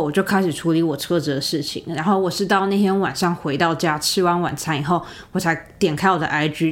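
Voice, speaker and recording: A young woman hosting a podcast, telling a personal story in a chatty, casual way with many fillers and asides to the listener. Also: on the low side. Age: young adult. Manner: chatty, animated, lots of fillers and rhetorical asides. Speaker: podcast host.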